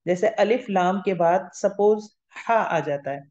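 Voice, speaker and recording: A woman teaches a grammar lesson in a warm, mellow voice, patiently taking it step by step and pausing to check that everyone follows. The recording sounds roomy and a little dull and lo-fi. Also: medium pitch. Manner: patient, explains step by step, often checks understanding. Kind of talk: classroom lecture. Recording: roomy, slightly muffled lo-fi recording.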